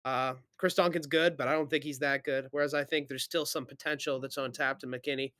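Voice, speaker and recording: A man's voice: mid-range voice, steady tone, a little fast, fairly bright tone, no room sound. A man thinking aloud through fight predictions in casual chat, hedging and correcting himself.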